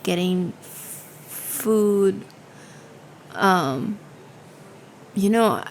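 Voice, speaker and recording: A woman co-hosting a podcast conversation, speaking in an unhurried, thoughtful way with trailing fillers. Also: medium pitch, expressive, slight background noise, poor audio. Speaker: podcast co-host. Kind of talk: casual conversation. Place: home studio.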